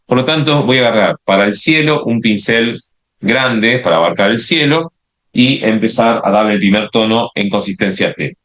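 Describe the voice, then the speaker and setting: Low-voiced man teaching painting. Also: expressive, normal speed, fairly bright tone. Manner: explanatory, many checking "¿sí?" tags and restarts. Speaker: watercolor instructor. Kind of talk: live painting demonstration.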